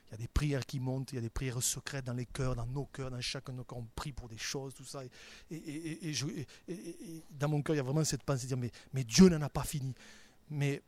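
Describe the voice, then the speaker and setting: Halting, emphatic man preaching a sermon. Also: mid-range voice. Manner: halting, repetitive, swings from quiet to emphatic. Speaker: pastor.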